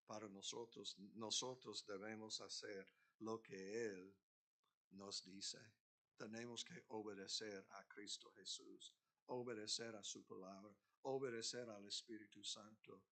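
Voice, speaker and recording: A man's voice: fairly low pitch, bright, forceful tone. A man preaching a sermon as pastor, earnest, building to emphatic peaks. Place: church.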